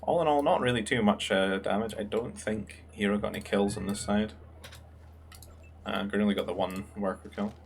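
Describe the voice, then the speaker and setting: A man's voice: fairly low pitch, fairly even intonation, moderate pace, creaky, a little hiss or hum. A young man commentating a strategy game match in a casual, musing way, thinking aloud with fillers. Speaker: game caster.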